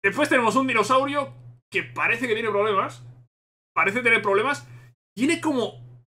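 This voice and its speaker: A man with a Spain Spanish accent, reacting excitedly to a game trailer and thinking aloud as he repeats himself. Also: extremely high pitch, moderate pace.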